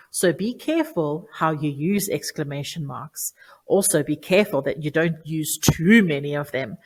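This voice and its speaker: Low-voiced woman teaching children. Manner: clear, deliberate instructive delivery with emphatic stresses. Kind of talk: lesson for children on online manners.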